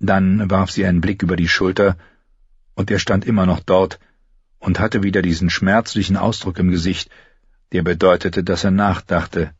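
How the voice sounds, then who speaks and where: A man narrating an audiobook in a steady, measured storytelling manner, with a husky voice. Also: sits low, no room sound, lo-fi sound.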